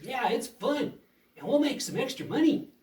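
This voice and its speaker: Performer as a young boy puppet, cheerful, trusting, reassuring, lively intonation, children's show, distant echoey mic. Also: high-pitched, moderate pace. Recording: roomy echo, distant mic.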